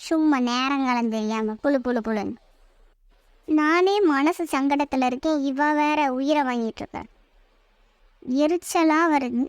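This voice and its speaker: A woman's voice: high voice, unhurried, long pauses, no room sound. A woman voicing an irritable, heartbroken college-age older sister in a cartoon, who talks in a snappish, scolding way. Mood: irritated. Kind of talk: cartoon voice acting.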